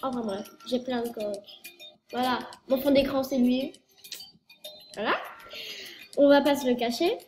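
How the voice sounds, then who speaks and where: A woman's voice: sits high, fairly even intonation, a little slow, long pauses, a little mellow, soft background music. A girl in her early teens from France, rambling through a casual vlog with lots of fillers and self-corrections, her nose stuffed up from a cold. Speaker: youtuber. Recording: echoey room with faint noise.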